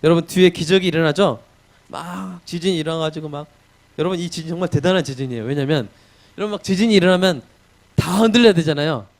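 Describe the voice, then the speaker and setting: A man's voice: a little high, quick pace, creaky. A male pastor preaching a sermon, emphatic and asking the congregation rhetorical questions.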